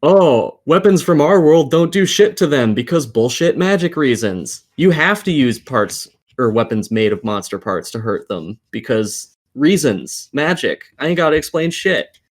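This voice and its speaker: Over a casual internet voice call, a man co-hosting a gaming podcast rants heatedly, swearing and sounding exasperated as he pushes his opinions emphatically. His mid-range voice has a sing-song lilt and moves at a normal speed.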